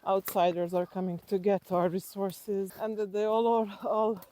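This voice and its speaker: A Slovenian-accented woman from Slovenia shares personal stories as an interview guest, reflective and hesitant as she thinks out loud. Her voice is medium-pitched and mellow, with flat delivery.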